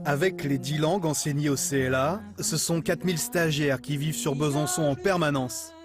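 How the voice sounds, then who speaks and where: A man reading a scripted news voice-over at a measured, rhythmic pace. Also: a little high, fairly even intonation. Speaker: narrator. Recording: voice-over with music bed.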